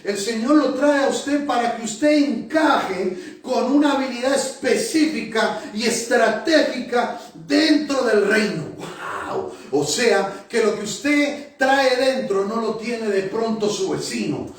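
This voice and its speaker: His voice is very high and slow, with few pauses, as the pastor delivers an emphatic sermon full of repeated phrases. It's recorded by a distant mic in a strongly reverberant church hall.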